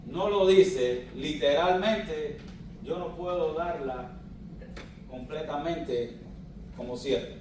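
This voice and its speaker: A pastor teaches his congregation, his fairly high voice rising as he explains and asks them questions. The sound is booming and roomy, picked up from some distance away in a church hall, with a faint murmur of the room behind him. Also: a little mellow, a little hiss or hum. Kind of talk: sermon. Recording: echoey hall, mic at a distance.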